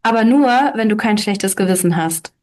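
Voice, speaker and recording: A self-assured, free-spirited woman who lectures with calm firmness, as a female reader voices her in a storybook. The tone is plain and mid-pitched, close to the reader's own. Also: moderate pace, close to an everyday voice. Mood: persuasive. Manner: firm, lecturing.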